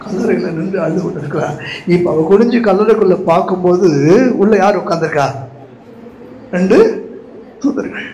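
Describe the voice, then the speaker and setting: A man's voice: high voice, fairly quick, long pauses, a little mellow, slight background noise. A male pastor preaching a sermon, questioning his congregation and repeating phrases for emphasis. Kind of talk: Tamil sermon with scripture reading. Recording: echoey hall.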